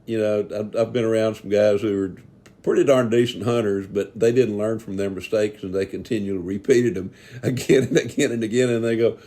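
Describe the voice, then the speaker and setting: A man's voice: on the low side, steady tone, a little fast, warm tone. A man, a podcast host talking about hunting in a folksy, earnest, rambling way. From Texas. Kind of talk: casual podcast interview.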